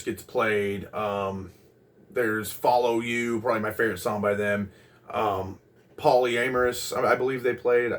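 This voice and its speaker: A man in his twenties casually recalling a concert as host of a music channel, rambling with many pauses and restarts. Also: lowish voice, a bit bright, far from the mic. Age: 20s. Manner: rambling, lots of ums and restarts.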